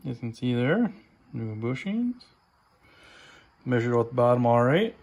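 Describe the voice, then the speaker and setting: A man giving a relaxed, plain-spoken update while filming his own project in a home garage on a handheld phone. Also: medium pitch, measured pace, slight background noise. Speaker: tractor restoration vlogger. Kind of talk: casual workshop update. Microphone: handheld phone camera, filming while talking.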